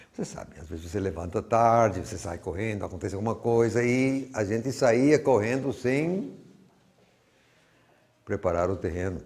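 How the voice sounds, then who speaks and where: This older Bible teacher from Brazil has a Brazilian Portuguese accent and a lowish, darkish voice, speaking a little slowly with long pauses. He rambles conversationally through his lesson, weaving in many personal stories.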